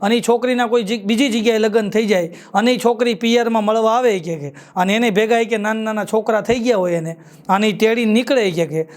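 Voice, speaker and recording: Kathiyawadi guy doing stand-up jokes live, really high voice, keeps repeating the punchline. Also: brisk. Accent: Kathiyawadi Gujarati. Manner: storytelling with repeated punchlines, chuckles at his own jokes. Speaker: stand-up comedian. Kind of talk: Gujarati live joke-telling. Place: live stage show.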